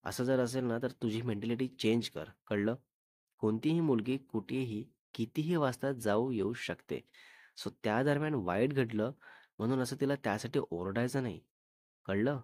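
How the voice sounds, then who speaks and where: A man's voice: mid-range voice, normal speed, a little mellow, dry recording, clean studio sound, lightly acted. A man reading a stern, protective young husband. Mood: scolding. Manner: firm, lecturing, threatening.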